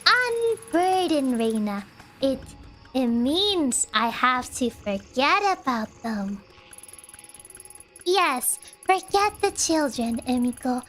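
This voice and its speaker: A woman voicing a creepy calm, unsettlingly serene cultist mother, reading game dialogue aloud with slow menace. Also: high-pitched, soft background music, voice pushed down, full character voice. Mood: soothing menace.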